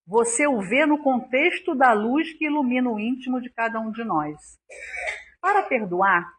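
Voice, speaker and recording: A woman's voice: a little high, husky. A woman with a Brazilian accent giving a spiritual lecture on forgiveness, earnest and acting out little scenes in quoted voices. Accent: Brazilian Portuguese.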